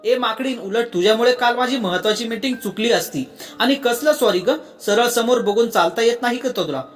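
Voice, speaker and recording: Narrator voicing a quick-tempered young man, indignant and snappy, for a storybook recording. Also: mid-range voice, fairly bright tone, faint music behind, lightly acted. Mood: bickering. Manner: bickering, indignant.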